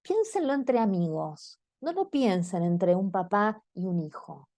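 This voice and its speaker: A woman's voice: medium pitch, animated, measured pace, mellow, dry recording. A woman with an Argentine accent gives a talk to parents and teenagers on a video call, checking in with her listeners again and again. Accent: Argentine Spanish. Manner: engaging, often checks in with the audience. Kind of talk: online talk to parents and teens.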